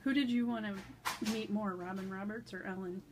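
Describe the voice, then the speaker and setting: A woman's voice: mid-range voice, steady tone, a little fast, background noise. A middle-aged woman chatting casually as a mother at the bedside. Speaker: mother of patient. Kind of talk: casual chat. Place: small hospital room.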